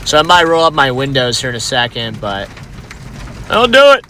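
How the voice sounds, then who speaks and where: This storm-chasing streamer has a mid-range, sharp-toned voice and talks a little fast. Sitting in his car, he keeps up informal commentary for his chat as he watches the storm, and the recording picks up car noise and the outdoors.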